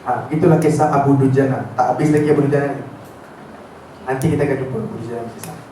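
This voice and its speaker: Animated lecturer, echoey and distant. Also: male voice, mid-range voice, quick pace, a little hiss or hum. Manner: lively, animated, mixes in English words. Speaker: religious lecturer. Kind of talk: storytelling lecture. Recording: echoey room from far off.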